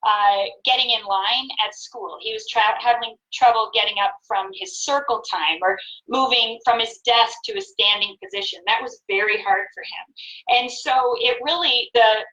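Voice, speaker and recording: A woman's voice: on the high side, moderate pace, pushed and bright, dull audio. A mother and volunteer fundraiser explaining her approach in an earnest, organized way. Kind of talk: live stream chat.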